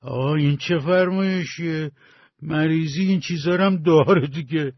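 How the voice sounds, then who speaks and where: A man voicing an eager, cheerful young male peasant servant in a husky, gravelly voice. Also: mid-range voice, very animated, heavily acted. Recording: dull lo-fi dry recording.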